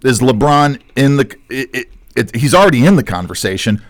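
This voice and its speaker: A man's voice: medium pitch, expressive, a little fast, no room sound. A man hosting a casual sports podcast, teasing his co-hosts and reading a sponsor spot. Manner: teasing, talks over others. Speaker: podcast host.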